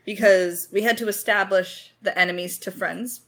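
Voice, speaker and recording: This is the lead writer of an audio drama podcast, a woman speaking casually in a creator Q&A. Her medium-pitched voice is steady and fairly bright, moving at a moderate pace. She thinks aloud about writing in a hesitant, self-deprecating way.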